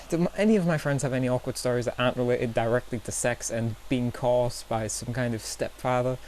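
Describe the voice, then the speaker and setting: This young man vlogs to his camera in a medium-pitched, slightly mellow voice, talking a little fast with few pauses and fairly even intonation. He tells awkward stories in a chatty, self-deprecating way, hedging with fillers and laughing at himself, over a faint hiss.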